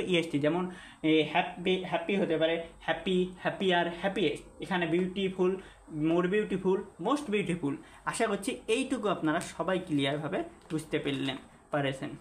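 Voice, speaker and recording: A man teaching a lesson at a whiteboard, repeating and spelling out words and putting questions to the viewer. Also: sits high. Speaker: English teacher. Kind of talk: classroom-style lesson at a whiteboard. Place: classroom or room with a whiteboard. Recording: echoey room with faint background hum.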